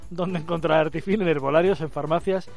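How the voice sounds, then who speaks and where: A male radio pundit rattles through an ad read and football chat at a rapid clip. His voice sits a little high and sounds animated, with faint music in the background. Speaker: radio sports commentator. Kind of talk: ad read and casual sports chat.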